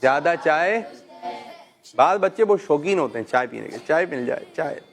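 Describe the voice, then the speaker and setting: A middle-aged man hosting a children's call-in show, gently quizzing kids and praising them often. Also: fairly high pitch, animated, soft background music. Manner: gentle, coaxing questions, frequent "mashallah".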